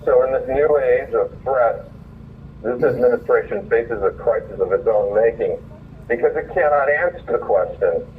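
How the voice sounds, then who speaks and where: Heard through a muffled, faraway phone connection with faint noise, a man at medium pitch and normal speed reads his own opinion piece aloud. Earnest and indignant, he follows it with informal comments.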